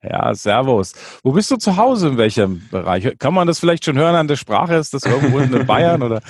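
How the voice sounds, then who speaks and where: Husky guy hosting a podcast, stumbles into his questions, dry sound no room. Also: mid-range voice, big pitch swings, dry recording. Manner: halting, repeats words while forming questions. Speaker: podcast host, interviewer. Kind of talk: conversational interview.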